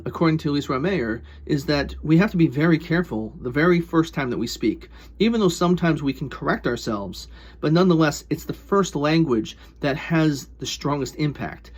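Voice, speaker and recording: Questioning rabbi, slightly high-voiced man. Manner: questioning, posing rhetorical questions and answering them. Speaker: rabbi teaching a Talmud lesson. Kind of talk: explanatory religious lesson.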